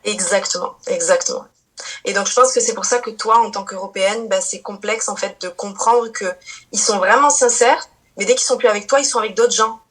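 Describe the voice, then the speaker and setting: A woman's voice: medium pitch, fairly quick. A woman in her thirties, a podcast guest chatting casually and talking at length, with frequent fillers. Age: 30s. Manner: chatty, many fillers and restarts, laughs easily. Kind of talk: casual chat.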